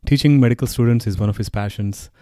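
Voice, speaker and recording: A man's voice: mid-range voice, quick pace, dark tone, no echo, studio quality. A man hosting a podcast, asking friendly, curious questions and laughing along. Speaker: podcast host. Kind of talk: casual interview chat.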